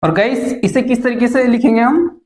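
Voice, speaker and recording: A woman teaching spoken English, counting numbers slowly and explaining patiently. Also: on the high side, darkish tone, reverberant, low-quality recording. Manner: slow, drawn-out counting of numbers; explaining patiently to her viewers. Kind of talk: classroom lesson.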